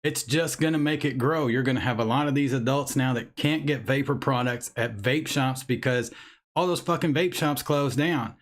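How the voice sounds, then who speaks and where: A man's voice: mid-range voice, normal speed. A man hosting a casual live chat, angry, blunt and swearing as he talks. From United States. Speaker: vape channel host. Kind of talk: casual livestream chat reading chat.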